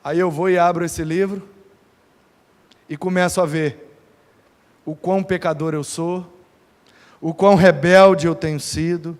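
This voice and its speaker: A pastor preaching a sermon, emphatic and dramatic with humorous touches. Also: male voice, a little high, steady tone, unhurried, pauses often. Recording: reverberant church hall.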